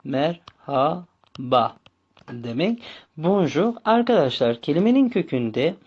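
A male language teacher talks at an unhurried pace. He goes through words one at a time, repeating each and spelling out letters, and his pitch rises and falls in a lively way. The recording sounds dull and lo-fi. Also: breathy edge. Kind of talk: slow bilingual language lesson.

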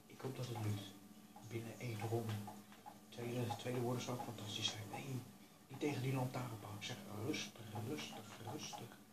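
Guy chatting through a racing game, tells himself to stay calm, echoey noisy room. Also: medium pitch, normal speed. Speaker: gaming YouTuber. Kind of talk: casual gameplay commentary.

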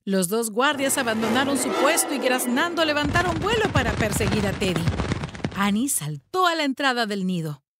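A woman's voice: a little high, big pitch swings, moderate pace, very noisy. A woman storyteller reading a children's story aloud in a dramatic, sing-song way.

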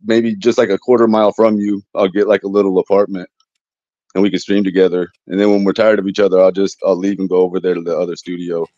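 A man's voice: low voice, flat delivery, fast, warm tone, no echo. Rambling man on a lo-fi livestream. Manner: rambling, joking, many fillers. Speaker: livestream host. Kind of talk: casual livestream chat. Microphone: phone close to face. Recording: dull lo-fi stream audio.

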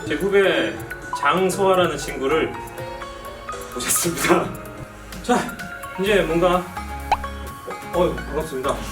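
A man giving playful, theatrical gameplay commentary and coaching as host, quick to break into excited squeals. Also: fairly high pitch, distant mic. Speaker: host, voice actor playing a game. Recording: echoey room, off-mic, loud game music.

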